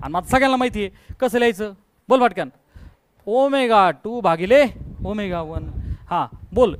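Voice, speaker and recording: A male physics teacher, lecturing a class and coaxing his students with quick questions. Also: sits high, a little hiss or hum.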